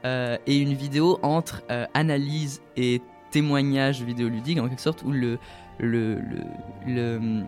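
A guest presenting a video game event explains games in a casual radio chat, hesitating with many fillers and restarts. His mid-range voice is steady, unhurried and a little mellow, with faint music behind him.

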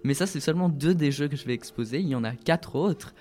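A man talks through video games in a relaxed, halting way, filling gaps with "euh" and restarting phrases often. A faint bed of music plays under his voice. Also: a little high. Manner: hesitant, many fillers and restarts. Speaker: guest presenting a video game event. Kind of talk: casual radio chat.

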